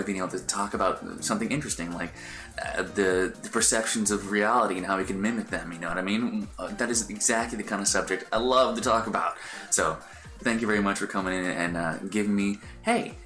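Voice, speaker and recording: A man's voice: lowish voice, fairly bright tone. A middle-aged man chatting casually on a live stream, rambling with many fillers and restarts. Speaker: Twitch streamer.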